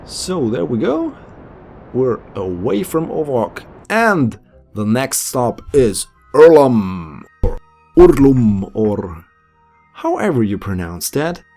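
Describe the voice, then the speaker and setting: A young man with a German accent casually narrates his space game over the footage, chatty and quick to mock himself. His mid-range voice is mellow and sing-song, and he takes it slowly, with faint background music in the mix.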